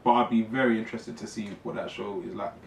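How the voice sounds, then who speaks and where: A man's voice: lowish voice, steady tone, fast talker, creaky. Man in a roomy recording. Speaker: podcast host. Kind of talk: casual discussion. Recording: roomy, distant mic, faint noise.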